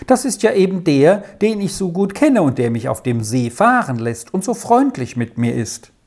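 A woman's voice: fairly low pitch, big pitch swings, moderate pace, warm tone. A woman voicing a cheerful, boastful young boy in a children's story, talking eagerly and persuasively.

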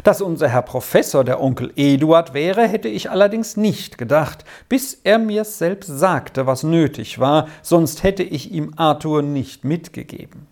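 A reader voicing a father who speaks in a measured, gently ironic way. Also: medium pitch, lively intonation. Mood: wry. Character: calm, wry father. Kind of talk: audiobook character voice.

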